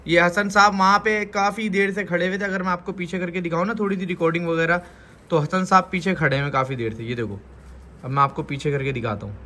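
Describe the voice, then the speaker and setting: A man's voice: high voice, steady tone, fast talker, bright, forceful tone, a little hiss or hum. A man from Pakistan with a Karachi Urdu accent, a father lecturing and scolding his children in a casual family vlog. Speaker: vlogger and father.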